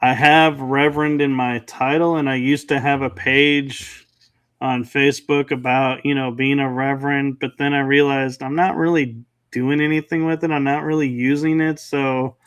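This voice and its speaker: A man's voice: mid-range voice, flat delivery, moderate pace, fairly bright tone, clean tone. A man being interviewed as a podcast guest, telling stories in a rambling, conversational way. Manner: rambling, conversational, many restarts and asides. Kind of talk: casual storytelling interview.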